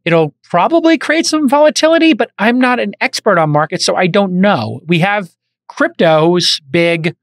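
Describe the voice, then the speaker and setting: A man in his fifties hosting a podcast, telling stories in a quick, joking, boastful way in casual chat. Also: high voice, expressive, no echo, clean studio sound. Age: 50s. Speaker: podcast host.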